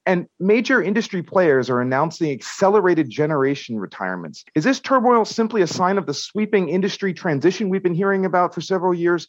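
A man's voice: on the high side, no room sound, dull audio. A man hosting a podcast, moving between scripted introduction and chat. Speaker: podcast host.

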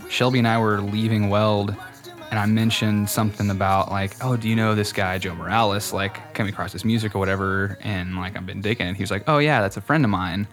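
A man's voice: fairly low pitch, flat delivery, fairly quick, soft background music. A man from Dallas, Texas, a podcast guest, telling a rambling story full of fillers. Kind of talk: casual chat.

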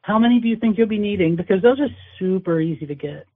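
A man's voice: high voice, lively intonation, quick pace, husky. A man working as a casting agent, talking hesitantly with many restarts, heard over a phone speaker. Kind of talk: phone call. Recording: tinny phone line.

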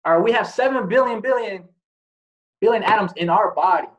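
A man's voice: sits high, a little fast, highs cut off. A man giving a casual motivational talk as host, blunt and profane, asking many rhetorical questions. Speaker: podcast host.

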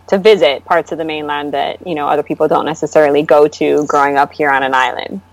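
A woman's voice: low voice, steady tone, fast, dry recording, low-quality recording. A young woman from Hawaii, chatting as a podcast guest, with lots of fillers and easy laughter. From Oahu, Hawaii. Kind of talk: casual conversation. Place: at home.

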